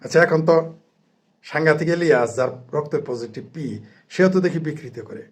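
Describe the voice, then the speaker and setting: A man rails against his opponents in a combative monologue. His voice sits a touch high, and his tone is mocking and sarcastic throughout. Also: normal speed. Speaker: political commentator. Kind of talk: angry political monologue.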